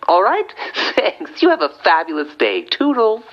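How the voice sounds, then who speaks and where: A man's voice: sits high, sing-song, moderate pace, vocal fry, pitched above the performer's own voice, full character voice. A man voicing a flamboyant, sassy voicemail persona who is busy doing her nails, in a gushing, campy singsong. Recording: muffled phone greeting with faint noise.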